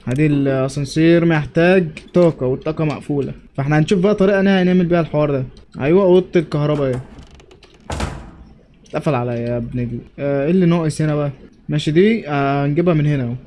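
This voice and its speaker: A man's voice: fairly high pitch, rapid-fire, warm tone, a little hiss or hum. A young man with an Egyptian Arabic accent, commenting on his game playthrough in a jokey way and talking back to the characters. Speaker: gamer. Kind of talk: let's play commentary.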